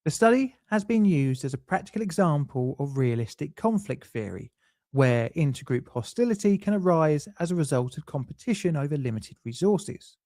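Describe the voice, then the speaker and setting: A man reading a scripted documentary narration in a measured, lightly dry explanatory way. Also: on the high side, a little mellow, no room sound.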